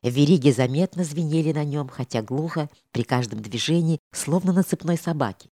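A woman reading an audiobook of a historical novel in a measured, expressive storytelling manner. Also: deep voice, no echo, studio quality. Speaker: reader.

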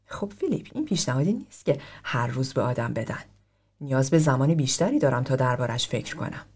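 A man reading the part of a sixty-five-year-old psychotherapist who speaks in a probing, gently direct way. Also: mid-range voice, expressive, husky. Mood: measured. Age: 60s.

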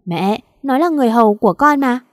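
A woman voicing a bossy, gruff young rich master who gives curt, scolding orders. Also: a little high, animated, fast, no room sound, studio quality, voice pushed up, close to an everyday voice.

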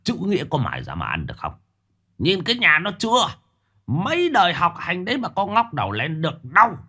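A man playing a furious shouting village patriarch. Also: high-pitched, huge pitch swings, a little fast, voice pushed up, heavily acted. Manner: shouting, scolding harshly.

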